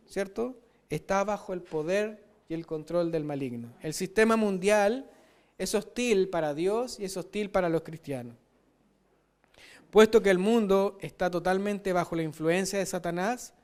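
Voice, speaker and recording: A man's voice: high-pitched, clean tone. A man with a Chilean Spanish accent preaching a sermon, emphatic and often asking "¿cierto?". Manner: emphatic, frequent rhetorical "¿cierto?".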